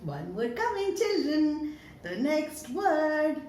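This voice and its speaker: A woman teaching a phonics lesson to young children, speaking in Indian English with a sing-song, encouraging manner and slowly sounding out each letter. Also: high-pitched, very animated, darkish tone. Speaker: kindergarten teacher. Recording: very echoey room with faint background noise.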